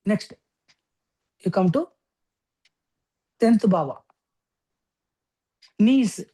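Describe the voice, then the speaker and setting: Woman teaching slowly. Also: mid-range voice, expressive, mellow, breathy edge, rough recording. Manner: explains slowly with many okays and fillers. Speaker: astrology teacher. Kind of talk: lecture.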